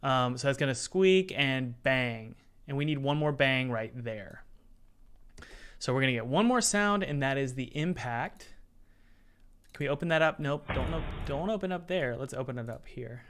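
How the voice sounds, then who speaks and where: A man's voice: mid-range voice, expressive, normal speed, a bit bright, clear, resonant tone. Casual man thinking aloud at his desk. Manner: thinks aloud, restarts, reads chat messages. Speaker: indie game developer streaming his work. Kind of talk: casual live-stream chat while working.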